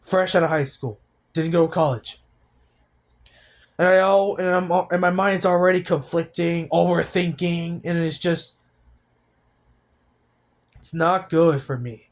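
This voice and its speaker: Downcast, halting eighteen-year-old guy. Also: a little high, fairly even intonation. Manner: halting, restarts often, heavy and downcast. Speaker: vlogger. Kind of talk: personal vlog monologue.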